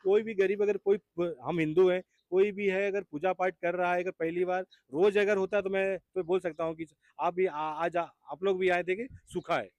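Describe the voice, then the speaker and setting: A man's voice: high-pitched, steady tone, moderate pace, few pauses, a little mellow, no echo, dull audio. A man recounting an incident to a reporter in a casual, rambling, repetitive way. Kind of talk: casual spoken account. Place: outdoors on a street.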